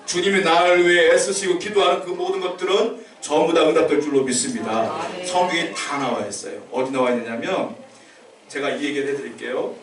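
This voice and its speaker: A man preaching a Sunday sermon as pastor, animated and acting out the voices of scripture figures. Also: a little high, a little fast. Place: church sanctuary. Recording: roomy church sound from a distant mic.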